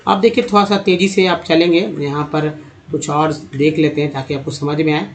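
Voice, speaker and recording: A man's voice: on the high side, steady tone, fairly quick. A man teaching English reading in a Hindi-language phonics lesson, steadily spelling out letter groups and repeating their sounds. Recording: dull lo-fi recording.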